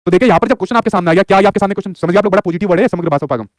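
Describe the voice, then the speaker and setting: In a clean studio recording with no echo, a man with a high voice teaches an exam-prep lesson. He talks rapidly, posing questions, answering them himself, and repeating his own questions back to the viewer.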